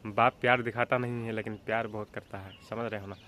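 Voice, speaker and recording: A young man from Jharkhand, India, vlogging a casual childhood story in a rambling way, often checking in with the listener and clearing his throat. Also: lowish voice, little pitch movement, quick pace, bright, forceful tone, a little hiss or hum. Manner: rambling, with frequent filler checks like "theek hai" and "hai na".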